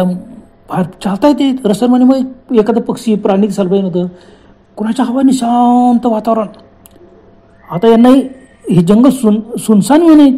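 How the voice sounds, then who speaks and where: Male horror storyteller with a relaxed, mellow tone and a chatty, repetitive delivery that voices the characters' exclamations. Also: high-pitched. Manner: conversational, repeats phrases, acts out the characters' exclamations. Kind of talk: casual spoken horror storytelling.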